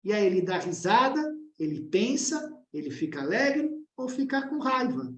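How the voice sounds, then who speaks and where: A woman's voice: mid-range voice, sing-song, normal speed, lo-fi sound. A woman with a Brazilian Portuguese accent presenting a study-group lesson, explaining ideas and asking the class questions directly. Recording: roomy echo.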